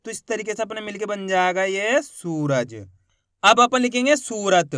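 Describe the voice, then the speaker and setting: A man with a high voice teaches a reading lesson, calling viewers his friends and urging them on. He breaks each word into single syllables, slowly, before saying it whole. The recording is dry and close, with no room sound. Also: lively intonation, a bit bright, clean tone, no room sound. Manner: slow, syllable-by-syllable spelling out of words; addresses viewers directly as friends, encouraging.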